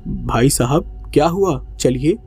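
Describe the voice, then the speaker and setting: A man's voice: medium pitch, expressive, takes it slowly, vocal fry, a little mellow, husky, faint music behind, exaggerated voice. A man playing a stammering frightened old grandmother. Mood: frightened pleading.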